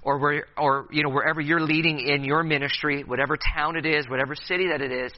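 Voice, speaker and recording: A man in his thirties addresses a room of youth leaders at a conference session, hesitant and full of fillers and restarts, yet playful with his audience. His slightly high voice moves quickly with fairly even intonation, and the recording sounds lo-fi.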